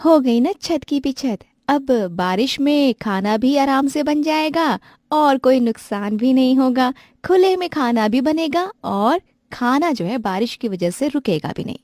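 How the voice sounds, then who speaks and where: Young cartoon bride, woman voicing, high and earnest, dry close mic. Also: expressive, measured pace, few pauses, a little mellow, no echo.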